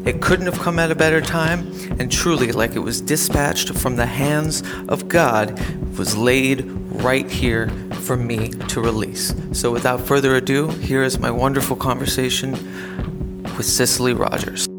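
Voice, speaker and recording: A man's voice: steady tone, measured pace. A man hosting a podcast, eagerly announcing the episode in a poor, degraded recording. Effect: poor, degraded sound quality from computer issues. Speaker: podcast host. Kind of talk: spoken show intro. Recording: low-quality audio over loud guitar music.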